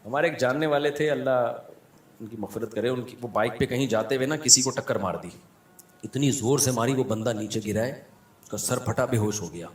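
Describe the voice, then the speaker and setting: A man with a Pakistani Urdu accent, a religious scholar telling humorous anecdotes in a lively way and acting out the people in them. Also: mid-range voice, fairly quick, echoey room. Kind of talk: humorous storytelling talk.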